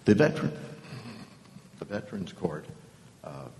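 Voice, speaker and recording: A man arguing formally as a lawyer before a court, deliberate and halting with frequent hesitations. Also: expressive, dark tone. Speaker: appellant's lawyer. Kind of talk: formal oral argument to a court. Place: large conference hall. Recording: reverberant hall, faint rumble.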